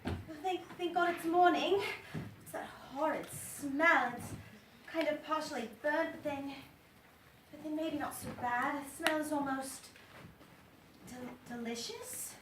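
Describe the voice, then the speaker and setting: A plucky, frightened seven-year-old girl with an English accent, hesitating and stammering through a poor Southern put-on. Her voice is pitched very high. The stage play is heard from a distance in an echoey room. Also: unhurried, noisy background. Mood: wary, hungry. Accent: English, badly faking Southern American.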